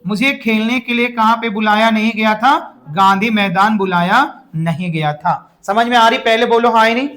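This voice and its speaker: A man teaching English grammar to a class, slowly repeating example sentences with an Indian accent and calling students "brother" and "dear". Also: high voice, fairly bright tone. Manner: drills phrases slowly and asks the class to repeat.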